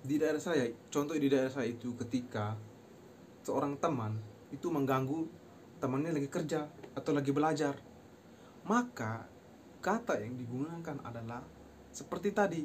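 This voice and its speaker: A young man, a university student, giving a recorded class presentation, explaining terms and then slowly repeating how each phrase is pronounced, mixing in short English phrases. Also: medium pitch, a little mellow, slight background noise.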